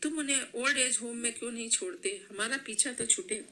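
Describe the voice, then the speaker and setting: A woman reading aloud plays a bitter young wife, hurling accusations in a very bright, piercing tone. She snaps and shouts at the people around her. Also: fairly high pitch, brisk, a little hiss or hum. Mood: angry. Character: angry young wife and mother, sharp-tongued.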